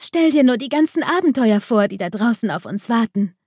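A brave young mermaid girl, voiced by a woman reading a storybook, sounds upbeat and encouraging. Her voice sits high and lifts. The tone stays mellow. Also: expressive, brisk, slightly rough, dry recording, studio quality. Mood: cheerful.

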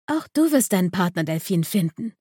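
A woman's voice: lowish voice, big pitch swings, normal speed, mellow, breathy edge, no echo, studio quality. A woman voicing Marisa, a cheerful, brave young mermaid girl, in a storybook reading.

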